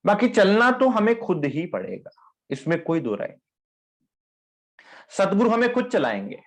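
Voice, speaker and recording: A man giving a devotional discourse on scripture, speaking tenderly to his listeners and chanting verse lines slowly. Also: high-pitched, sing-song. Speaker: spiritual teacher.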